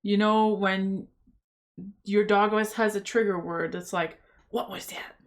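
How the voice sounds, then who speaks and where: A woman's voice: mid-range voice, steady tone, a little slow. A woman hosting a reaction video, chatting casually and skeptically about what she sees. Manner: chatty, skeptical, thinking aloud. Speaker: host reacting to paranormal clips.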